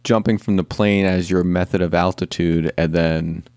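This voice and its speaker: A man's voice: low voice, fairly even intonation, normal speed, darkish tone, dry recording. A man in casual conversation as a podcast co-host, explaining things in a matter-of-fact way. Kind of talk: casual chat.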